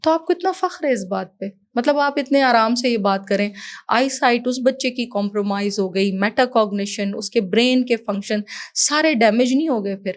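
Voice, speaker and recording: Animated middle-aged woman educator, higher voice. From Pakistan. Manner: animated, mixes in English phrases, calls the host "son". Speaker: education professional, guest. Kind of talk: casual interview conversation.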